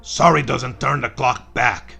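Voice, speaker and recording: A man voicing a gruff, resentful older male space smuggler who talks in clipped, bitter reproaches. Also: medium pitch, a little slow, bright, forceful tone, faint music behind, full character voice.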